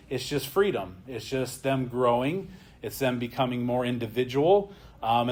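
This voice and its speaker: Man teaching a relaxed church lesson. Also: medium pitch. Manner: conversational, often adds a questioning "right?". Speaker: adult Bible class teacher.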